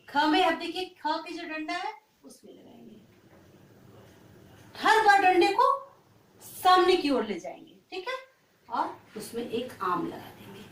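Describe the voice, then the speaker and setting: A woman teaches young children, spelling out letters in a slow, sing-song way. Her voice is high and lively, and she keeps asking patient questions. She sounds distant from the mic in a roomy, echoing space. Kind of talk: children's language lesson. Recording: echoey room, mic at a distance.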